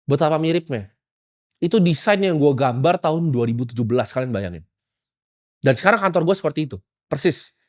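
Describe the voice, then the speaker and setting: A man's voice: a little high, lively intonation, brisk, long pauses, no echo, clean studio sound. A man, lecturing in a confrontational, mocking rant as a finance vlogger. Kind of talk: ranting motivational lecture.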